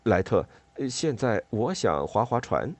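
A man's voice: mid-range voice, very animated, measured pace, dry recording. A man voicing a clumsy, eager young male mole in a storybook, hesitant and flustered.

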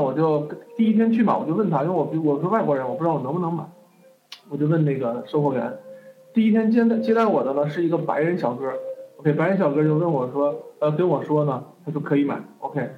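A man lecturing, telling a personal story in an animated way and often tagging his sentences with "OK". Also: a little high, fast. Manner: animated, peppers speech with "OK". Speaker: lecturer on going abroad. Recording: phone-like narrow band with faint music.

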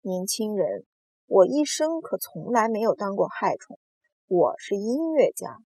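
A woman voicing an old, dignified male grasshopper in a storybook reading, slow, stately and sarcastic. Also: medium pitch, animated, no room sound, close to an everyday voice. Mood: sardonic.

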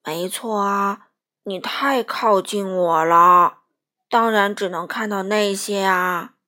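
A woman voicing a lost baby whale, a huge and tearful young male creature who speaks slowly and loudly, drawing his words out. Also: mid-range voice, pitched below the performer's own voice. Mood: patient. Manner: slow, loud and drawn out.

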